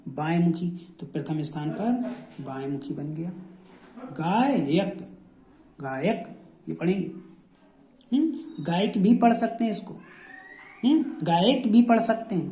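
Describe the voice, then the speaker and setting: A man teaching a shorthand lesson, repeating each example word several times as he walks through the rules. His voice is dark and mellow. He is recorded in a roomy space with plenty of echo. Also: high-pitched. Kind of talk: classroom lesson. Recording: echoey room.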